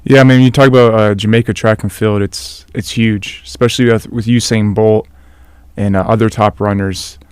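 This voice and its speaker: Young man hosting a relaxed podcast. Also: fairly low pitch, normal speed, clear, resonant tone, no echo, studio quality. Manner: relaxed, filler-heavy questions. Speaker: podcast host. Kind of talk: casual interview.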